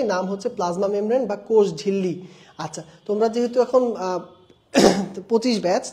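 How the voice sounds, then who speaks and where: Mellow-voiced young male tutor drilling terms. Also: high voice. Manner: drills key terms by repeating them and quizzing students; explains with mnemonics and personal anecdotes. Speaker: exam-prep tutor. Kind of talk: online class lecture.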